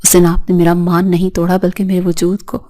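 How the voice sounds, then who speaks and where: Stern wounded young mother, read by a woman, low and mellow voice, firm storybook dialogue. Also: monotone, lightly acted. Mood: bitter reproach. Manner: firm, reproachful. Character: proud hurt young mother, stern but trembling.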